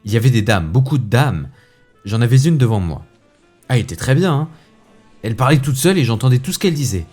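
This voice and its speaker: Man playing a huffy, ranting fussy gentleman. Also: medium pitch, very animated, fast talker, breathy edge, faint music behind, pitched above the performer's own voice. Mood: indignant. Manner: huffy, ranting, theatrical asides. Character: fussy, indignant middle-aged gentleman who hates monologues. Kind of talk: comic stage monologue reading.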